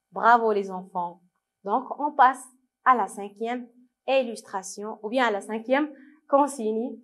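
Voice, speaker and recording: A woman teacher with a Moroccan accent, slowly sounding out words and syllables for young children to repeat. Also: fairly high pitch, a little mellow. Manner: slow, clearly syllabled, repeating words for children to read along. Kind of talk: French lesson for young children.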